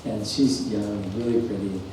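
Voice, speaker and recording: A man's voice: lowish voice, fairly even intonation, moderate pace, dark tone. A middle-aged man telling folksy, rambling stories as a farrier instructor at a clinic presentation. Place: large workshop or clinic hall. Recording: echoey shop, mic far off, faint hum.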